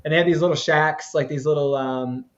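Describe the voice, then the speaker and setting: Talking a little fast in a steady, mid-range voice, this live stream interview host rambles through stories packed with fillers. Sound quality is somewhat dull and lo-fi.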